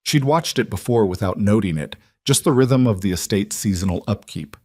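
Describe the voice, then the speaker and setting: Low-pitched guy reading a story, calm and measured, super dry close sound. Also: dry recording. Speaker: narrator. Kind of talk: scripted narration.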